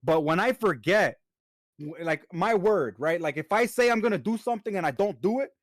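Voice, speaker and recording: A man's voice: sits high, lively intonation, moderate pace, no room sound, clean studio sound. A man co-hosting a podcast, talking earnestly and rambling, with a lot of swearing. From United States. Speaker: podcast co-host. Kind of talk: casual chat.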